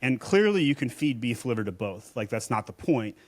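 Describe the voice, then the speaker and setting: A man's voice: mid-range voice, sing-song, a little fast, darkish tone. A man, an Amazon seller and agency owner, speaking as a guest in a casual podcast conversation in a blunt, emphatic way.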